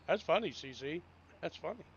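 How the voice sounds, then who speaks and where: A man giving casual gameplay commentary, rambling and thinking out loud in a laid-back, drowsy way. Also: mid-range voice, muffled recording, a little hiss or hum.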